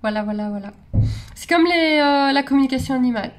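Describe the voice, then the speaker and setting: A woman's voice: high voice, lively intonation, fast talker. A woman talking in a casual, rambling vlog style, often interrupting herself and laughing at her own tangents. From France. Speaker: vlogger on animal care.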